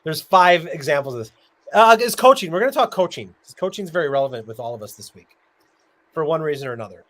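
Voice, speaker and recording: Teasing man with a higher voice. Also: expressive, quick pace, fairly bright tone. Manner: teasing, steers the conversation. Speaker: podcast host. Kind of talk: casual sports chat.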